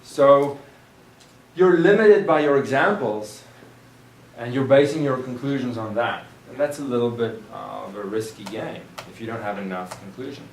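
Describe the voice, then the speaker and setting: A man's voice: medium pitch, normal speed, distant mic, slight background noise. Math instructor, male, patient examples, lecture-room echo, mic set back from him. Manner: explains patiently with examples, trails off and restarts. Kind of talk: recorded classroom lecture.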